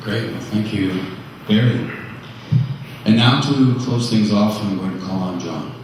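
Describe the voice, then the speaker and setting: A man's voice: lowish voice, a little slow. Man introducing speakers at a memorial. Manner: brief and courteous. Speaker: master of ceremonies. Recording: echoey hall from far off, some noise.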